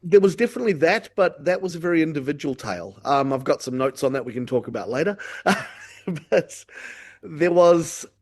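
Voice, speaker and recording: A man's voice: fairly high pitch, animated, a little fast. A man with a New Zealand accent, talking candidly and reflectively as a guest in a casual podcast discussion.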